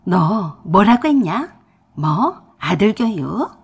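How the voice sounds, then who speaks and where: A woman voicing a domineering older mother-in-law who lectures and scolds harshly, her voice slightly breathy. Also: medium pitch, big pitch swings, normal speed, darkish tone. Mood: furious.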